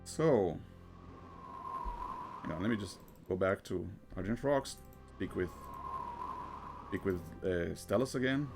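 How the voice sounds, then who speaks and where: A man giving casual game commentary, thinking aloud in a halting way and often repeating his words. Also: low-pitched, lively intonation, creaky. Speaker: gamer narrating a playthrough. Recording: game music behind the voice. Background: video game music.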